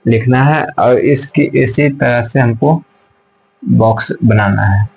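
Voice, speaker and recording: A male teacher explains rules step by step at a whiteboard. He keeps repeating himself, asks the class questions, and answers them himself. His voice sits at an ordinary middle pitch and now and then drifts farther off as he turns to the board. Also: takes it slowly, creaky, darkish tone, a little hiss or hum, low-quality recording.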